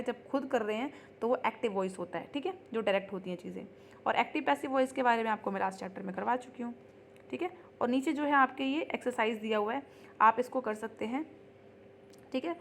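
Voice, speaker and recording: A woman teaching English grammar in an online lesson. She explains in Hindi, reads the English example sentences slowly and keeps checking in with her students. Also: on the high side, slight background noise. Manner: repeats ठीक है as a check-in.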